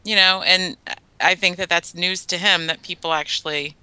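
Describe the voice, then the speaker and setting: A female podcast co-host in casual discussion, joking and quick to laugh. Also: on the low side, fairly even intonation, pushed and bright, clear, resonant tone, dry recording.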